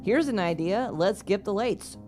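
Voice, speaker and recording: A woman's voice: mid-range voice, expressive, moderate pace, darkish tone, faint music behind. A woman co-hosting on radio, reading a comedy skit with dry jokes and easy laughter. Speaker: radio co-host.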